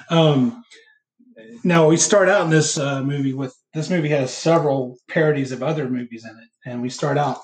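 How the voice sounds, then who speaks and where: A man's voice: a little high, fairly even intonation, moderate pace. A man hosting a casual film chat in a hesitant, rambling way. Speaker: podcast host. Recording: echoey, roomy sound.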